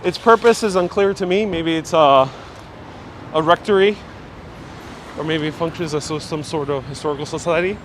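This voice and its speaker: A man's voice: on the high side, normal speed, pauses often. A man giving a casual, chatty live walking tour, politely answering viewers, his voice slightly muffled through a mask. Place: outdoors, walking on city streets. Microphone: clip-on mic worn on the body. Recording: street noise, outdoor live stream. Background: street ambience, passing vehicles.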